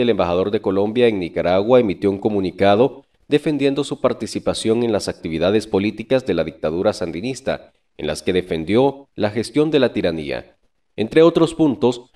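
A man reading a scripted news voice-over in a steady, formal way. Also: on the low side. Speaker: news narrator.

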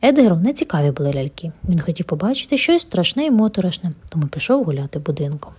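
A woman reading a children's bedtime story aloud in a gentle, expressive way, with a breathy voice. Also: lowish voice, fast talker.

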